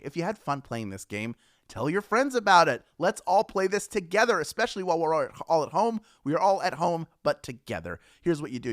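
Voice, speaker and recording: A man's voice: on the high side, dry recording, studio quality. A man hosting a live trivia game, reading questions in an upbeat, playful, chatty way.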